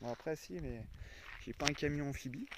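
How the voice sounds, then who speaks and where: A man's voice: fairly high pitch, a little fast, heavy background noise. A man from France vlogging outdoors by a lake, chatting casually to his viewers and to his dogs. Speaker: van-life vlogger. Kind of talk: casual vlog chat.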